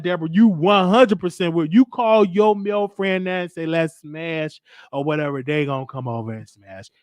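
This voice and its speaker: A man in his twenties with a Southern US accent, a show host telling a casual, animated story on a live stream in slangy, repeating phrases. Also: sits high, no room sound, studio quality. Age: 20s.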